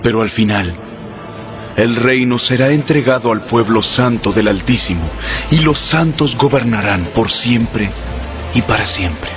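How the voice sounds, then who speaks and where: A man's voice: medium pitch, a little slow, natural voice. A man playing a solemn heavenly messenger in a dramatic audio Bible, speaking in a grave, commanding, declamatory manner. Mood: grave, prophetic. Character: solemn male heavenly messenger explaining visions. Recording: dull lo-fi audio under loud music. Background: music.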